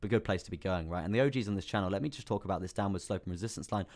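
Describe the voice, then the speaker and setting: A young English man with a hoarse, partly lost voice, hosting a casual crypto live stream, chatting about charts and greeting viewers by name. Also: low-pitched, very fast, a little mellow. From England. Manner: chatty, reads out viewer names and laughs often.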